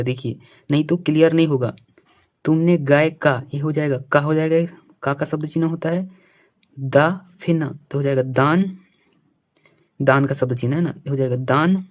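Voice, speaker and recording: A man's voice: a little high, fairly even intonation, darkish tone. Patient man teaching a step-by-step lesson. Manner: repetitive, keeps saying "see here" and checks understanding; reads phrases out slowly, word by word. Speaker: shorthand teacher.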